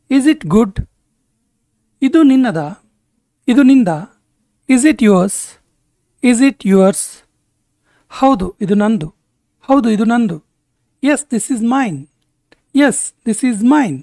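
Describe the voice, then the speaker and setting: A man teaching spoken English, saying each short sentence twice in a slow, deliberate way. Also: very high-pitched, dark tone, dry recording, studio quality. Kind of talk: spoken language lesson.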